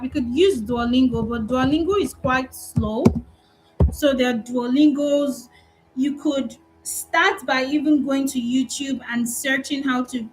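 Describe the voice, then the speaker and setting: A woman with a Nigerian accent, a customer support recruiter giving an animated, encouraging talk in a live online training session. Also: high-pitched, slight background noise, poor audio.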